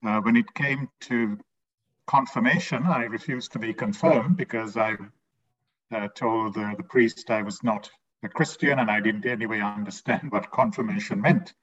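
A man's voice: fairly low pitch, normal speed, fairly bright tone, slightly rough, muffled recording. A man from Sri Lanka answering interview questions as a guest author, hesitant with many fillers.

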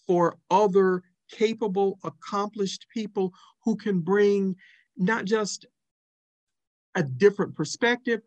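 Measured man on a dry remote mic. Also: sits high, darkish tone, no room sound. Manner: measured, deliberate, quotes others' views. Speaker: podcast guest. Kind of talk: podcast interview answer.

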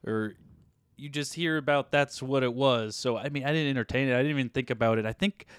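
A man's voice: medium pitch, brisk, clean tone, dry recording, studio quality. A man co-hosting a casual podcast, rambling and often restarting his sentences. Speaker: podcast co-host. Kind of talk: casual chat.

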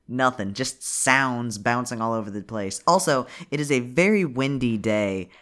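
A man's voice: medium pitch, a little slow, a bit bright. A man hosting a casual, jokey, sweary podcast, recorded indoors in an uncarpeted log cabin. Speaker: podcast host. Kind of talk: casual, joking podcast chat. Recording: slightly echoey wooden cabin room.

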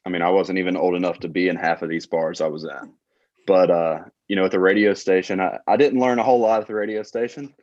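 Man, late 20s, Alabama accent, low voice, relaxed storyteller, dry dull audio. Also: quick pace, dry recording. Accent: Southern US, Alabama. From South Alabama. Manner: relaxed storytelling with filler words and laughs. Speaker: guest, tour manager. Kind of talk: casual interview chat.

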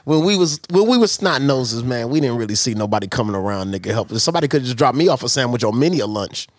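Animated, joking male podcast co-host. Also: mid-range voice, fast talker, no echo, studio quality. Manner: loose, joking, swears freely. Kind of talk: casual podcast chat.

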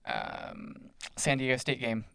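Young male podcast host, mid pitch, dry close mic, casual and filler-heavy. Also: huge pitch swings, slow pace, creaky, sharp tone, no echo, poor audio. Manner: easygoing, hesitant with fillers. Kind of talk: casual sports podcast chat.

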